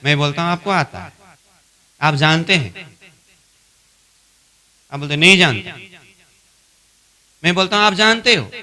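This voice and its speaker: Male spiritual trainer, unhurried lecture, high bright tone, acts out little dialogues. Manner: repeats points and asks the class questions; acts out both sides of a dialogue, louder as it escalates.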